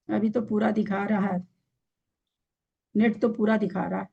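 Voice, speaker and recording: A woman's voice: mid-range voice, vocal fry, slightly rough, muffled recording. A woman teaching an online scripture class, explaining patiently step by step while her audio cuts in and out over a weak connection. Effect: audio cutting in and out over a weak connection.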